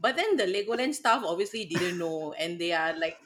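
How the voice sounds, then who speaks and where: A woman's voice: on the low side, expressive, fairly quick, fairly bright tone. A woman with a Malaysian or Singaporean English accent in casual, giggly banter full of colloquial Malay-English slang. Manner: giggly, exclaiming, joking.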